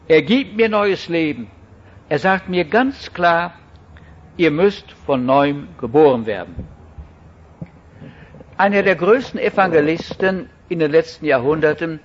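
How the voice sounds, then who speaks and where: A male preacher delivers a sermon with slow, deliberate emphasis, letting his points land one by one. His voice sits high for a man and has a husky edge. The recording is muffled and lo-fi. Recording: dull lo-fi recording.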